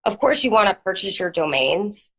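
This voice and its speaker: A woman's voice: mid-range voice, big pitch swings, normal speed, a bit bright, low-quality recording. Woman lawyer with a cold. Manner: plain explanatory, uses hedging fillers. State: has a cold, clearing her throat. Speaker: lawyer, guest. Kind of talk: live interview, explaining legal steps. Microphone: online video stream.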